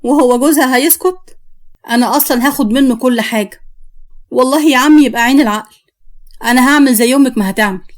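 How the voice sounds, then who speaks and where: A blunt young Egyptian sister who speaks with open resentment, voiced by a woman narrator. Her high voice stays near its everyday sound. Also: fast talker, pauses often, natural voice. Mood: resentful. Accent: Egyptian Arabic.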